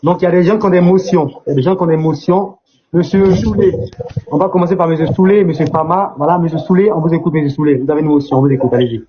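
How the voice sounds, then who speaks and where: A man moderating an online debate, briskly handing the floor to speakers. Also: on the high side. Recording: dull lo-fi audio with faint noise.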